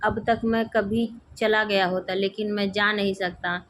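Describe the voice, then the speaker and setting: A woman's voice: medium pitch, fairly even intonation, unhurried, a bit bright, slight background noise, natural voice. A woman reading the lines of a frightened, guilt-ridden servant from a play, in hesitant, broken phrases. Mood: fearful.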